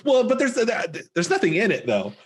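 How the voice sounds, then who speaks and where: A man co-hosting a podcast, talking through a horror movie in a loose, chatty way. His pitch sits a bit high and leaps all over the place, and he laughs easily and slips into quick impressions of the characters. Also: slightly rough. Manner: animated, laughs often, acts out lines. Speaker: podcast co-host. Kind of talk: casual movie-recap chat.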